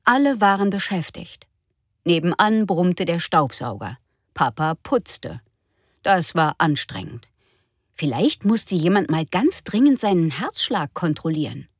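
A woman narrating a children's story in a lively, expressive way. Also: fairly low pitch, unhurried, slightly rough, no room sound, studio quality.

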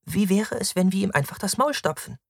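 A man's voice: high-pitched, animated, fairly quick, gravelly, dry recording, clean studio sound, pitched above the performer's own voice, heavily acted. A man voicing a cruel, impulsive young woman warrior who sneers and gives orders, in an audiobook. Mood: scornful. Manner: sneering, commanding.

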